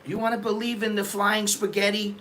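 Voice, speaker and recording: A middle-aged man from America talks in a loose, rambling vlog style, blunt and quick to swear. His voice sits a little high and rings bright and forward. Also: flat delivery, a little hiss or hum. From United States. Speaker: vlogger. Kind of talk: casual opinion vlog. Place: living in Bangkok.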